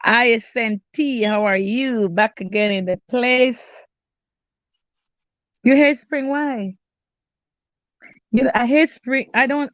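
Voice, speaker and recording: Here a middle-aged Jamaican cooking host chats casually on a live stream, addressing viewers by name with a mid-range voice. She sounds congested and stuffy and keeps restarting her sentences. The recording has no room sound, and its highs are cut off.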